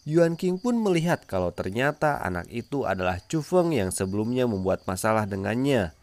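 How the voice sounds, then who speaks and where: A man narrating a comic-chapter recap as channel host, in a steady storytelling manner. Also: lowish voice, moderate pace, no room sound. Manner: steady storytelling, friendly sign-off appeals.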